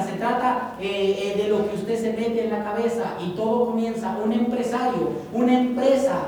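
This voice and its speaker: A woman's voice: fairly high pitch, a little mellow. Preachy Mexican woman in an echoey hall. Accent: Mexican Spanish. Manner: preachy, storytelling, addresses the audience directly. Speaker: motivational business speaker. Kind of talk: motivational seminar talk. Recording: echoey hall from far off, faint ambience.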